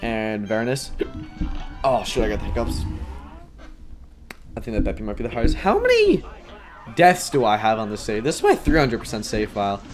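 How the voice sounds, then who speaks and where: A man's voice: fairly low pitch, wildly swooping pitch, fast talker. Chatty young man streaming a game. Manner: chatty, self-deprecating, with many fillers and sudden yelps. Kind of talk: casual gaming commentary. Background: game music.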